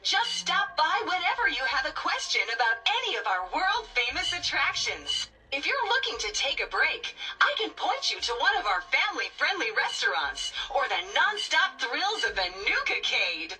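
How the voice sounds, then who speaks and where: Metallic cheery theme-park robot. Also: female voice, high voice, sing-song, normal speed, full character voice. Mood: cheerful. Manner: chirpy scripted sales patter. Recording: game audio heard from a distance, soft music.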